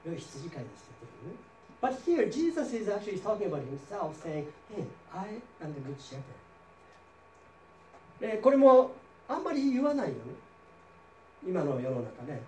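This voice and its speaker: A male pastor giving a conversational sermon, often checking in with his listeners with quick questions. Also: high voice, sing-song, mellow, slight background noise. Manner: chatty preaching with frequent tag questions. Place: church sanctuary. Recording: roomy hall picked up from a distance.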